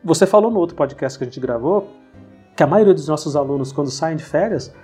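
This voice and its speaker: A man hosting a casual podcast conversation, telling anecdotes in a lively way. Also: a little high, fast, slightly rough, soft background music. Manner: storytelling, animated retelling of anecdotes. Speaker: podcast host. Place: lives in São Paulo.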